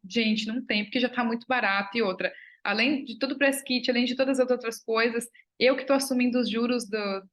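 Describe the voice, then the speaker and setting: A woman's voice: a little high, fairly bright tone. A woman with a Brazilian Portuguese accent teaching a live online class, chatting upbeat and answering viewers' comments. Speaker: child psychology course instructor.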